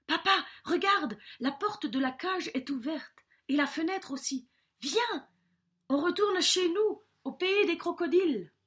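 Woman reading as a young male bird: high, loud, keen, bold. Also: animated, measured pace, full character voice. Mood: eager.

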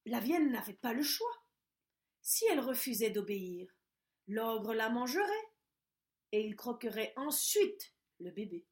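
A woman reading a children's story aloud in a gentle voice, often dropping to a soft hush. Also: a little high, big pitch swings, measured pace.

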